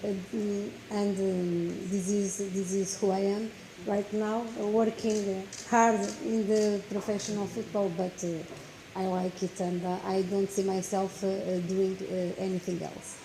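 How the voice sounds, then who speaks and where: Hesitant woman panelist, flat voice. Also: medium pitch, a little slow, background noise. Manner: hesitant, many fillers. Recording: echoey room with faint ambience.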